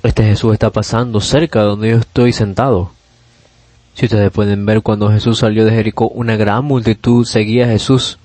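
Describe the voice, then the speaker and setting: A man's voice: lowish voice, little pitch movement, moderate pace, darkish tone, no room sound. A man preaching a sermon in an earnest, emphatic way, often repeating key phrases.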